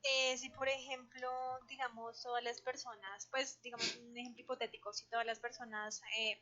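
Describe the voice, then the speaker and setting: A woman student puts a question to her lecturer in an online class, hesitant and circling back with fillers. Her voice is high and bright but held flat in tone, and the call audio is dull and lo-fi. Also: moderate pace.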